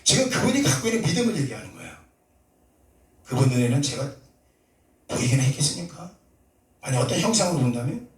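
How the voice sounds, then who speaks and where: A male pastor preaching a sermon, telling a story and acting out prayers and dialogue, sometimes rising to loud, fervent cries. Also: medium pitch, sing-song, quick pace, long pauses. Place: church sanctuary. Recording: echoey church hall, mic at a distance.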